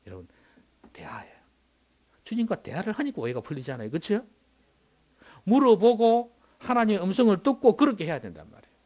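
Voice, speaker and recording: Animated preaching man, lively pitch. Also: a little fast, pauses often, highs cut off. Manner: animated preaching, swinging from soft low asides to loud emphatic bursts; addresses the congregation with rhetorical questions. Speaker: pastor. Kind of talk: sermon.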